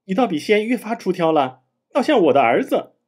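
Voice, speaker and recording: A man with a husky voice reading the lines of a playful, pampered teenage young master in a storybook. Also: high voice, very animated, brisk, darkish tone, full character voice. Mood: teasing. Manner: teasing, cheerful.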